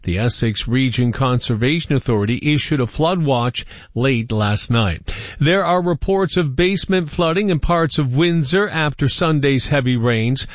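Male radio newsreader, measured delivery. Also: medium pitch, lively intonation, no echo, muffled recording. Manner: crisp, measured newscast delivery. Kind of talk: scripted news reading.

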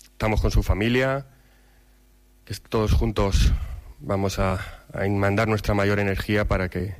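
A man speaking as a club representative, giving a formal, measured press-conference statement with hesitations. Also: on the low side, fairly even intonation. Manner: measured, hesitant with fillers and restarts.

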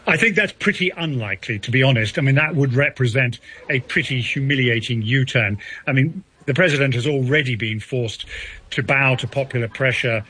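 A man's voice: medium pitch, fairly quick, bright, forceful tone, husky. A male diplomatic correspondent giving articulate live analysis to a news presenter.

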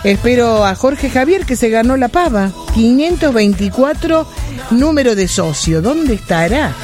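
A woman's voice: fairly high pitch, expressive, unhurried, soft background music. A woman with an Argentine Spanish accent, hosting a late-night radio show and talking casually with listeners. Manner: chatty, warm-hearted and reassuring with listeners. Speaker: radio host.

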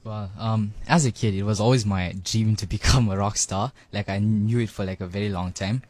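A man's voice: on the low side, fairly even intonation, moderate pace, a little mellow. An eighteen-year-old man, answering radio interview questions hesitantly with many ums and likes. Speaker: band drummer, guest. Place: radio studio.

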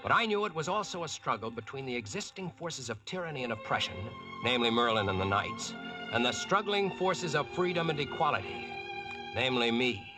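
A man's voice: mid-range voice, lively intonation, brisk, over music, lightly acted, low-quality recording. An actor playing a brash, wisecracking American who narrates his own adventure in a slangy, cocky way, in 1940s radio drama style.

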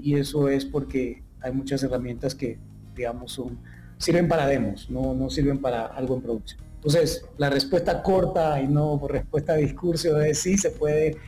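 A mellow, warm-toned man in his thirties, originally from Ecuador, talks at length about his business in an interview. He speaks fluently but fills his sentences with hesitations and restarts. Faint music plays softly behind him. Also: medium pitch. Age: 30s. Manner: fluent, many filler pauses and restarts. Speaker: tech startup founder, guest.

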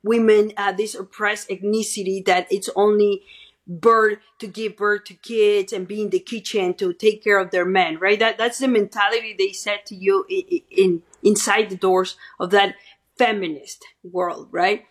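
Woman, Mexican Spanish accent, husky voice, middle-aged, chatty, keeps saying "right?". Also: medium pitch. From Mexico City. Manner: talkative, keeps adding "right?". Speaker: guest speaker and activist. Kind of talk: interview testimony.

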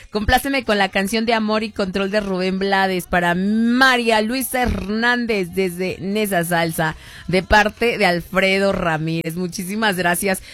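A woman's voice: medium pitch, fairly bright tone. A woman radio host with a Mexican accent, chatting casually with listeners and reading out their messages. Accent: Mexican Spanish.

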